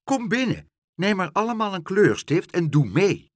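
A man's voice: on the low side, wildly swooping pitch, moderate pace, fairly bright tone, slightly rough, no room sound, clean studio sound, full character voice. A man voicing a jolly, scatterbrained woman in a storybook reading. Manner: jolly, exclaiming.

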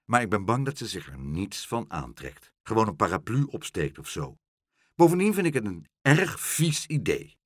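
Brief: man playing a kind, earnest shopkeeper, lively pitch. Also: normal speed, no echo, clean studio sound. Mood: glum. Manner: earnest, indignant. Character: kindly indignant older male bookseller.

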